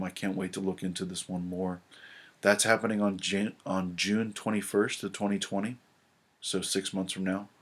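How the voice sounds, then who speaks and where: Sounding nasal and congested from a cold, a low-pitched man presents an astrology video, chatting casually to camera. He reads from notes, stumbling through plenty of ums and restarts.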